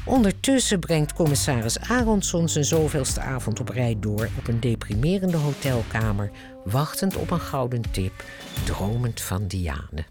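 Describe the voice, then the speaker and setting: Man, drama narrator, wry storytelling, lively pitch, music behind. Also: measured pace.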